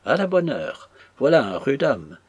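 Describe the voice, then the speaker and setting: A man's voice: mid-range voice, lively intonation, measured pace, husky, dry recording. A man reading an audiobook, voicing an effusive, theatrical elderly society lady. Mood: gushing. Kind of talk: audiobook character voice.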